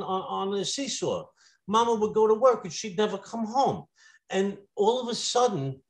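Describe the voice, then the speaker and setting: A man's voice: high-pitched, rough recording. A middle-aged man, a former police officer, telling stories as a podcast guest in an earnest way, often restarting his words. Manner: earnest, repeats and restarts words when moved. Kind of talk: conversational storytelling.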